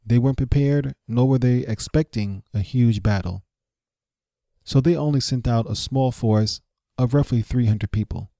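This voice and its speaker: A man narrates a history lesson like a story, musing aloud with rhetorical questions and asides. His tone is mellow and relaxed rather than bright. The sound is dry and close with no room around it. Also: mid-range voice, normal speed, creaky, no echo. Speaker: history teacher.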